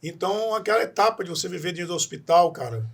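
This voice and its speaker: This husky, higher-voiced man talks fast, with lively intonation, as he recounts his personal history on a podcast. He's from Espírito Santo, Brazil, and his earnest, meandering style is full of restarts and little questioning tags at the ends of phrases.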